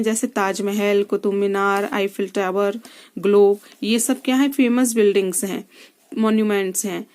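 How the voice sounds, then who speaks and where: A woman with a somewhat high voice teaches a classroom grammar lesson. She explains each rule step by step and keeps asking her students questions, writing on a board as she goes. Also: darkish tone. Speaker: English teacher.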